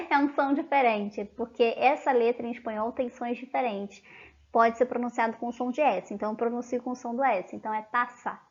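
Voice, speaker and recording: A woman's voice: fairly high pitch, lo-fi sound. A Brazilian woman giving an online language lesson in a chatty manner, often checking in with her students. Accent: Brazilian Portuguese. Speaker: language teacher.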